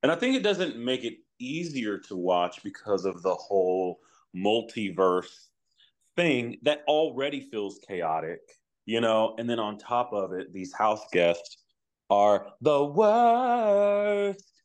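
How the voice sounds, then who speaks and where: A man's voice: lowish voice, lively intonation, unhurried. A man co-hosting a reality TV podcast, talking in an emphatic, joking way. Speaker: podcast co-host. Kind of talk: casual podcast chat.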